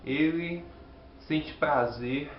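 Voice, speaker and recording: A man with a Bahian Brazilian accent explaining a Sabbath School Bible lesson in an earnest, measured teaching manner. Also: on the high side, roomy sound, dull audio, a little hiss or hum. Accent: Bahian Brazilian Portuguese. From Salvador, Bahia, Brazil.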